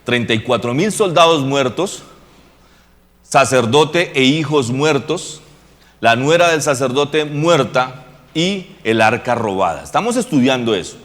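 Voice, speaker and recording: A man's voice: mid-range voice, expressive, a little slow, a bit bright, big-room sound. A male pastor preaching a sermon in a casual, joking way, often asking the congregation questions. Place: church hall.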